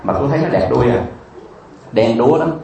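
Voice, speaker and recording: A Buddhist monk tells a story as a sermon, in a vivid and emotional way, with many repeated fillers. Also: male voice, mid-range voice, fast, gravelly, dark tone, a little hiss or hum. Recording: echoey room, distant mic, faint ambience.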